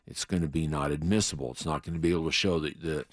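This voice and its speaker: A man co-hosting a legal talk radio show, explaining law in a halting way with many restarts. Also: very deep voice, steady tone, dry recording, clean studio sound. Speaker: radio co-host, lawyer.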